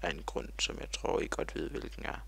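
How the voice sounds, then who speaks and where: A man giving rambling, silly video game commentary, full of fillers and talking to himself. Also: a bit bright. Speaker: gamer.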